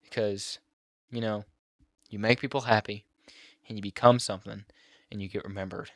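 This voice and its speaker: A teenage boy talking on his own channel, emotional and halting, near tears at times. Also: fairly low pitch, fairly even intonation, dry recording, clean studio sound. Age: teens. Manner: emotional, halting with many fillers and restarts. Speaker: YouTuber. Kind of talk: personal vlog talk.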